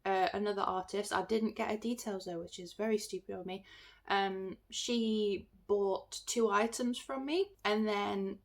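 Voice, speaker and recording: A woman's voice: medium pitch, fairly even intonation, measured pace. English girl vlogging on her phone, throat sounds swollen and bunged up, rambly casual chat. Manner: rambling, self-deprecating, informal. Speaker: artist and craft market seller vlogging. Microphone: phone filming.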